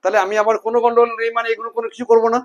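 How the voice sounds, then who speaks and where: A man with a very high, completely flat voice races through a classroom lesson, captured in lo-fi sound. Blending English and Hindi, he shoots questions at his students and repeats key terms in a call-and-response lecture.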